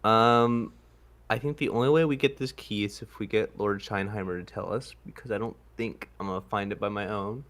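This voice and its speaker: A man's voice: lowish voice, fairly even intonation, normal speed, fairly bright tone. A man playing a tabletop game, describing his moves hesitantly with many fillers. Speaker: player. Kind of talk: casual tabletop game talk.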